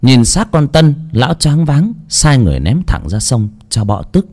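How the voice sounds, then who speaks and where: A man narrating a dark folk story in a dramatic, animated way. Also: medium pitch, moderate pace.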